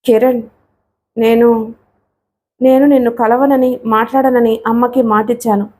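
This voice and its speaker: A woman voicing a torn young woman speaking in a hushed, sorrowful way in a storybook reading. The voice is fairly high and mellow. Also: fairly even intonation, measured pace, natural voice. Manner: quiet, hushed.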